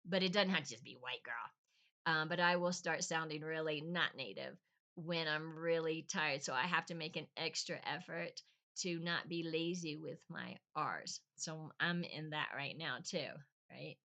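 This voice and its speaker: Woman giving a chatty spanish sounds lesson, lowish voice, thinks out loud, repeats sounds slowly, poor home recording. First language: English. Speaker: language teacher. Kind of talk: casual spoken lesson.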